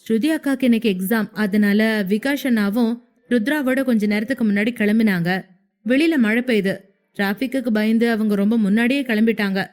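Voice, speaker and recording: A woman's voice: a little high, a little fast, darkish tone, natural voice. A woman voicing a frightened young woman who pleads and trembles in a storybook narration. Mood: explaining.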